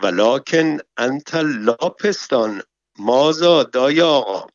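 A man reading a story, voicing a bossy, mocking noblewoman who speaks in slow, halting broken Arabic. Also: mid-range voice, expressive, no room sound, muffled recording, voice pushed up, lightly acted. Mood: puzzled.

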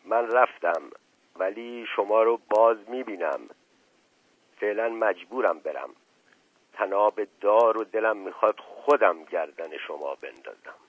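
A curt police lieutenant with sharp, clipped orders and a quietly threatening edge, as a male narrator plays him. The audio is narrow and phone-like, and dry. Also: on the low side, no echo, natural voice. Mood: menacing.

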